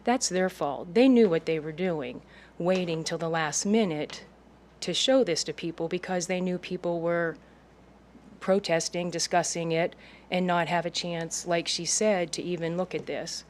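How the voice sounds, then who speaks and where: A woman's voice: fairly low pitch, measured pace, slight background noise. A woman giving informal public comment as a resident at a hearing.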